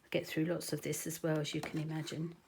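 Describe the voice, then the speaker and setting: A woman's voice: low voice, flat delivery, fast, creaky, darkish tone, slight background noise. A middle-aged woman with a southern English accent, chatting her way through a card-making tutorial with rambling, self-correcting asides. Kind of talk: casual crafting tutorial.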